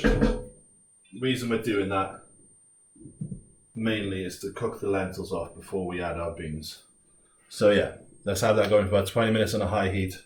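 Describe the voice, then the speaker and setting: A British man presenting a recipe in a laid-back, jokey, chatty way, like a casual cooking tutorial. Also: sits low. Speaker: home cook presenting a recipe. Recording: roomy, distant mic, faint noise.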